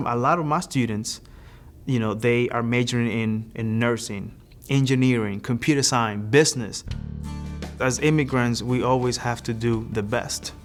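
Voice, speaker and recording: Man teacher, proud, emphatic, guitar softly behind. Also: medium pitch, steady tone, moderate pace. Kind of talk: documentary interview.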